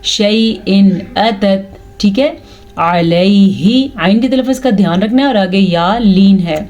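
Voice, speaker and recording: A woman with a Pakistani Urdu accent and a middle, even pitch teaches tajweed patiently, laying out the pronunciation rules step by step. She is a Quran tajweed teacher, and between explanations she recites verses slowly and carefully, drawing out the sounds.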